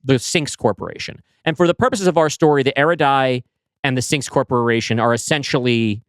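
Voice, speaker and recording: A man co-hosting a podcast guides his partner through a screenplay he wrote, reading scenes aloud with lively storytelling energy and plenty of filler words. His voice sits at medium pitch, moves fairly quickly, and has a clear, resonant tone. The recording is dry and studio-clean.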